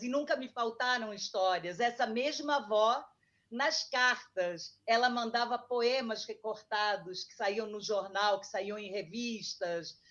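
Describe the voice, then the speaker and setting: Woman, Argentine-born, guest author, casual chat, reminiscing, higher voice, muffled audio. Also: a bit bright.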